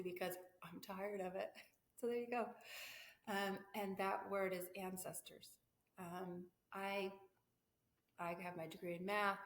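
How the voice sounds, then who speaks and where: A woman hosting a solo podcast, talking candidly and reflectively with pauses, recorded in an echoey living room with a tinny sound. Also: fairly low pitch. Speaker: podcast host. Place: living room with a vaulted ceiling.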